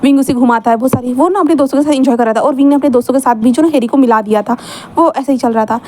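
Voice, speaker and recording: A woman's voice: sits high, rapid-fire, warm tone. A woman narrating a fan-fiction story in a chatty, casual way, mixing in English words.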